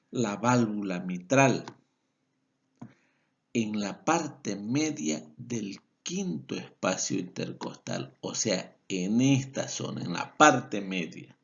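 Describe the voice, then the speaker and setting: Slow, lively Bolivian man lecturing. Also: lowish voice, vocal fry, highs cut off. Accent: Bolivian Spanish. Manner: explanatory, repeats key points, self-corrects. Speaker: veterinary lecturer. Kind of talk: recorded lecture over slides.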